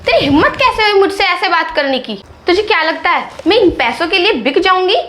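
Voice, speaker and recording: Brief: a woman as a high-voiced young daughter-in-law, sharp and indignant, family skit. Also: expressive, slight background noise, heavily acted. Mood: furious. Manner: indignant scolding, rapid rebukes. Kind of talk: Hindi family drama skit.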